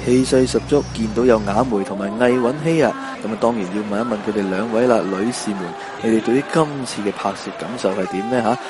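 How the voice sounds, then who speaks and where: A man with a Hong Kong Cantonese accent narrating entertainment news in lively scripted style. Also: fairly low pitch, fast, few pauses, background noise.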